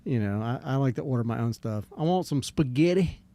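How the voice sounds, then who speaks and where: He's a podcast host from Jacksonville, Florida who chats casually and rambles, dubbing himself a redneck and spinning drawn-out stories. His mid-range voice is mellow, with lively intonation.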